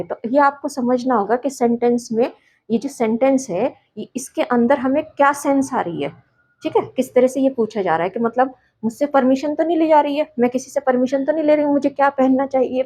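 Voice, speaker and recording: Brief: female english tutor, husky, slightly high, quizzes then answers herself. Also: a little mellow, poor audio. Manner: asks questions and answers them herself, repeats phrases slowly. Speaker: English teacher. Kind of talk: Hindi-medium English grammar lesson.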